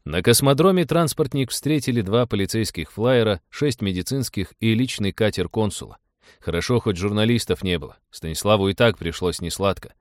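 Мужчина-чтец, размеренно читающий фантастическую прозу вслух. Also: male voice, on the low side, expressive, dry recording, studio quality. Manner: measured storytelling. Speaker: audiobook narrator. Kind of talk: scripted narration.

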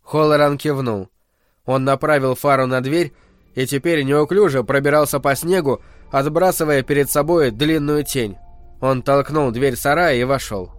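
A man reading a novel aloud as narrator, with measured, expressive storytelling. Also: medium pitch, dry recording, clean studio sound, faint music behind. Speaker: audiobook narrator. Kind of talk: scripted narration.

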